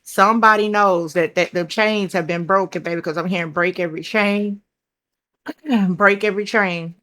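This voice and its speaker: A woman's voice: medium pitch, steady tone, moderate pace, fairly bright tone. A woman with a country accent giving a casual tarot reading, chatty and blunt, thinking aloud over the cards and calling her viewers child and baby. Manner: swears casually. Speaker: tarot reader.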